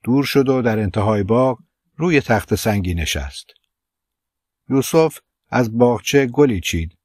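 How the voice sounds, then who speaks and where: A man narrating an audiobook of a literary novel in a measured, steady reading. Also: medium pitch, no echo, clean studio sound.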